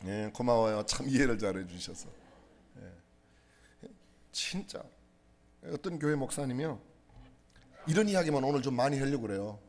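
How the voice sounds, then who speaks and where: A man's voice: mid-range voice, lively intonation, normal speed, long pauses. A middle-aged man preaching a humorous sermon in a church, teasing the congregation with jokes and questions. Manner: playful, teasing, asks the audience questions. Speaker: pastor. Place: church sanctuary.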